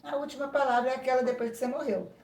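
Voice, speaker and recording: A woman psychoanalyst, appearing as an interview guest, explains her ideas thoughtfully and with many asides. Her voice sits high and fairly even, with a darkish tone, and she talks rapidly. The room is echoey and she is a bit far from the mic.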